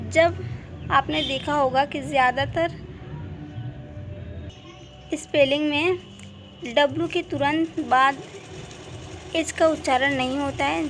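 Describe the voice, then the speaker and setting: A woman's voice: high-pitched, fairly bright tone, a little hiss or hum. A woman teacher patiently explaining English spelling rules step by step in a home-made lesson video.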